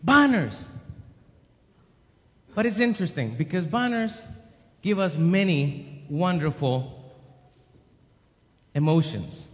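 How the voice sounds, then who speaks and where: A man's voice: fairly high pitch, expressive, slow, pauses often. A man preaching a sermon with an emphatic, rising and falling cadence. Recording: long hall reverb.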